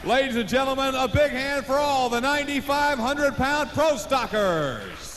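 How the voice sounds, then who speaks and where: A man's voice: very high-pitched, animated, normal speed, fairly bright tone, a faint crowd. An American man working as an arena announcer, presenting competitors like a showman and stretching out their names. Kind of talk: driver introductions at a tractor pull show. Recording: echoey, noisy live arena PA.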